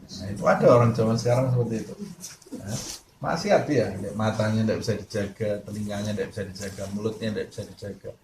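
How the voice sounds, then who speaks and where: A man's voice: on the low side, quick pace. Guy preaching, acts out little dialogues, roomy echo and a bit of hiss. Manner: lively storytelling, acting out quoted dialogue. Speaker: Islamic preacher. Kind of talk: sermon. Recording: echoey room with faint noise.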